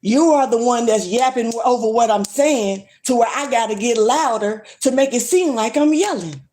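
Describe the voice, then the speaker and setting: A livestream vlogger with a strong, dark-toned voice pitched on the high side delivers a casual rant straight to camera. She talks at a moderate pace, blunt and cursing without restraint.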